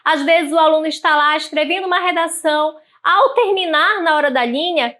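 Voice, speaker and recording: A woman teacher with a Brazilian Portuguese accent giving an online grammar lesson, speaking clearly and slowly spelling out syllables. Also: high voice, fairly bright tone.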